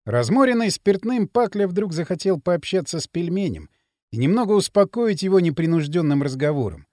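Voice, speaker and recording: A man narrating an audiobook in an expressive, dramatic reading. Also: high-pitched, fairly quick, no echo, clean studio sound. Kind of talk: scripted narration.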